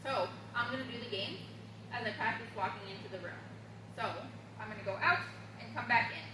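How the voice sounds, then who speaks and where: A woman dog trainer giving an upbeat, instructive demonstration at home, recorded by a camera across the room. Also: a little fast. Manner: upbeat, instructive, bursts into high-pitched baby talk for the dog. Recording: roomy, distant camera sound, faint room noise.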